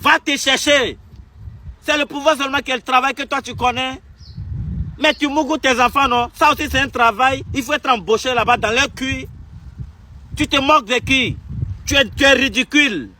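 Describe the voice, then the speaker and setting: A man's voice: very high-pitched, normal speed. A young man from Togo, delivering an angry political rant straight to camera. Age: young adult. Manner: furious, insulting, repetitive, shouting bursts. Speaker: activist vlogger.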